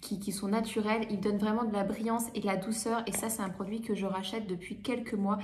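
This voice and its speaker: A woman's voice: mid-range voice, flat delivery, a little fast, a little mellow. A woman, reviewing her used-up beauty products in a casual vlog, chatty and full of hesitations. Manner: chatty, hesitant with many fillers. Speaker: beauty vlogger.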